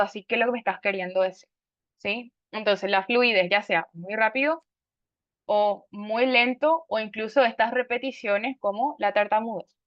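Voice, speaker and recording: A woman's voice: fairly high pitch, dry recording. A woman teacher lecturing a class, explaining points and often checking with "¿sí?". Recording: dull lo-fi sound.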